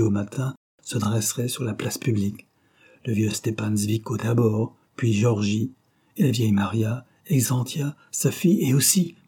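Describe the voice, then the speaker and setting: A man reading a novel aloud as narrator, in a measured, grave storytelling manner. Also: medium pitch, mellow, husky. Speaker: audiobook reader.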